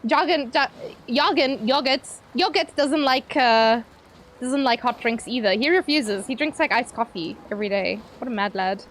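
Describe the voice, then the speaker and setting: A woman's voice: on the high side, moderate pace, a little hiss or hum, low-quality recording. A young woman streamer chatting casually with her viewers while gaming, playful and teasing, laughing often.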